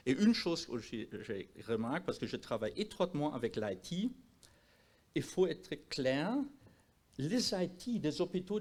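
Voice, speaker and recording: A doctor presents to an audience at a health conference, speaking French as a non-native with a foreign accent. He is emphatic yet sometimes halting as he searches for words. His voice is fairly high with a darkish tone.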